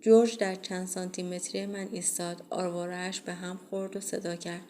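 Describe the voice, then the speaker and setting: A woman reading a first-person horror audiobook in a steady, measured way. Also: on the low side, slight background noise. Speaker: audiobook reader.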